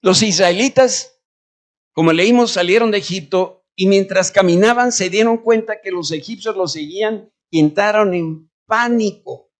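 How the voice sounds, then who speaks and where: Speaking at a moderate pace in a high voice, the pastor delivers his church sermon, alternating loud and soft passages and asking the congregation questions.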